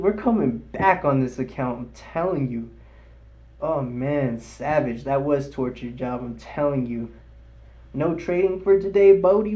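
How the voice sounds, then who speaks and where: A man with a light, high-leaning, warm voice hosts a live trading stream, chatting casually with viewers. He gets hyped, cheering and chanting as his trades play out, and the sound is lo-fi.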